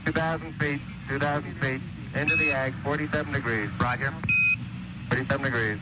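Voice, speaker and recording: A man's voice: medium pitch, fairly even intonation. A man making terse, clipped callouts over a crackly space radio link with beeps, heard in an archival recording. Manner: terse, rapid numeric readouts. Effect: crackly space radio transmission with beeps. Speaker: mission radio caller.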